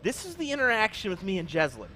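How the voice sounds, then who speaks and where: Guy doing darts commentary, super animated up and down voice, bit of venue hum. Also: high voice, quick pace. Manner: lively storyteller, laughs a lot. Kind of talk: live sports commentary. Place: tournament hall.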